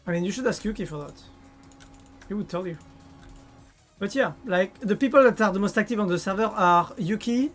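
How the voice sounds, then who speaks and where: A woman's voice: medium pitch, animated, a little fast, long pauses, faint music behind. A woman with a French accent chatting casually with viewers while playing a game on a live stream. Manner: chatty, answers viewers' chat.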